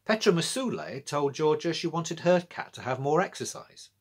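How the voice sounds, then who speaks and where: Telling a children's story from a small bookshelf-lined room, a middle-aged British storyteller and author has a breathy edge. His voice is on the high side with big pitch swings and a moderate pace.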